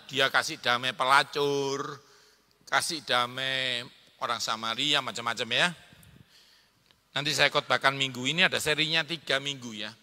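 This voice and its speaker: A man's voice: medium pitch, sharp tone, long reverb tail. A male pastor with an East Javanese accent, preaching a sermon in a joking, teasing way and calling for amens. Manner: joking, teasing the congregation, calls for amen.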